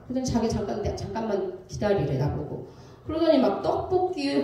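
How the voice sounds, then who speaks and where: Lively woman preaching in an echoey church. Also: on the high side, recorded from a distance. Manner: animated storytelling, acts out voices. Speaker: pastor's wife. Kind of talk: testimony sermon. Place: church sanctuary.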